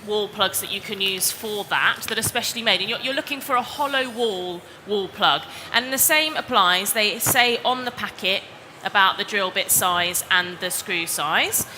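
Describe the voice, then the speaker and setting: On an exhibition hall stage, a woman presents a live DIY demonstration, chattily explaining every step. Her mid-range voice is sharp, moderately paced with few pauses, picked up by a headset or lapel mic in a reverberant hall with faint background noise.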